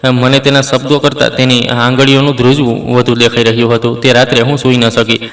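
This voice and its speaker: Casting: male narrator for a scripted family story, steady delivery, echoey room recording. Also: mid-range voice. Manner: steady, measured. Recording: roomy, distant mic.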